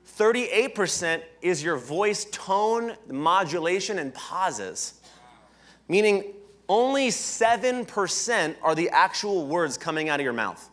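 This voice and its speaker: A man giving a live motivational training talk at a conference, energetic, often asking "right?" and throwing questions to the audience. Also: high voice, slow pace. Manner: energetic, keeps checking in with "right?". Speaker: sales leadership trainer. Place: conference hall, indoors.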